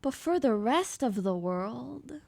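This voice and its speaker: A woman's voice: a little high, lively intonation, slow, vocal fry, a little mellow. A woman in her twenties from Canada, a streamer chatting bluntly and casually while reacting to clips and reading chat.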